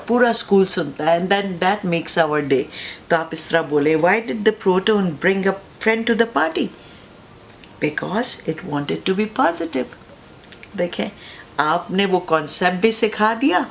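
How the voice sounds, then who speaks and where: A woman's voice: on the low side, slight background noise. A woman teacher giving an explanatory talk to other teachers, often checking in with her listeners and mixing English phrases into her speech.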